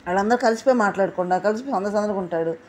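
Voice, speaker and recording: A woman gives a casual, animated recap of a reality show. She acts out what people said and asks rhetorical questions. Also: mid-range voice, rapid-fire. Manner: animated retelling, acting out quotes, asking rhetorical questions. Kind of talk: casual spoken recap and commentary.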